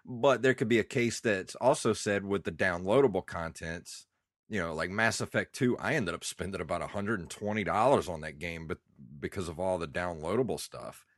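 A congested man in his thirties rambles nostalgically as a podcast co-host, his voice sitting very low. The sound is dry and close, with no room around it. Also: normal speed, no echo. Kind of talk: casual chat.

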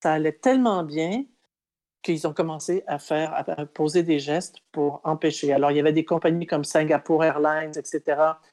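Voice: mid-range voice, moderate pace, darkish tone. An interview guest explaining at length in a conversational way, with frequent hesitations.

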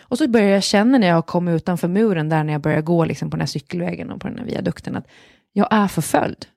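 A woman co-hosting a casual chat, telling a story in a relaxed, unhurried way. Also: fairly low pitch, creaky, dry recording, studio quality.

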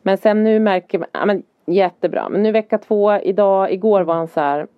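A woman's voice: mid-range voice, clear, resonant tone, no echo. A woman, a mother and podcast co-host, telling family stories in casual chat and acting out lines from her son and herself. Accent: Swedish. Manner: animated storytelling, acting out her son's and her own lines. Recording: slightly dull dry podcast audio.

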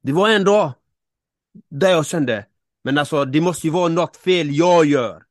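A man co-hosts a podcast in a casual chat, his voice fairly high-pitched and captured in clean, echo-free studio sound. He's a coach, and he tells a personal story earnestly, repeating points for emphasis and tossing asides to the listener.

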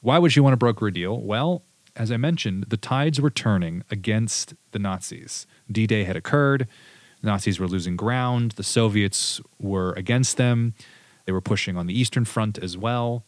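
A man's voice: fairly low pitch, normal speed, no room sound. A man hosting a history podcast, chatting casually and reading out quotes from his sources. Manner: conversational, reads quotes from sources. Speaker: podcast host.

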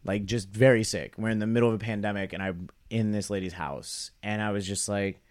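On the low side and steady, with a darkish tone, this young man's voice moves a little fast. He's a comedian guest on a relaxed podcast, spinning a meandering, wry tale punctuated by quoted asides that trail off.

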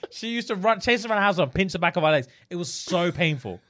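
A man's voice: high voice, quick pace. A man with a London roadman accent and street slang, chatting casually and acting out dialogue as he tells stories. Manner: animated storyteller acting out dialogue. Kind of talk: casual chat.

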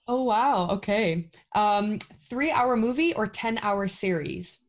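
A woman interviewer, upbeat, asking quick rapid-fire questions. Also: mid-range voice, lively intonation. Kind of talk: casual interview.

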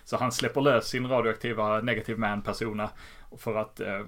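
A man's voice: on the low side, little pitch movement, a bit bright. A man who animatedly retells the plot of a comic in a casual chat, often laughing as he goes. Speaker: podcast host. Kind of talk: casual comic book recap.

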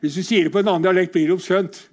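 A man's voice: high voice, steady tone, a little mellow. A middle-aged Norwegian man giving a casual, conversational lecture over slides, often asking rhetorical questions.

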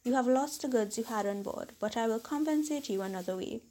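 A woman's voice: a little high, lively intonation, fairly quick, mellow. A woman voicing a proud, vengeful fairy wife who speaks in stately, formal phrases. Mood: stern.

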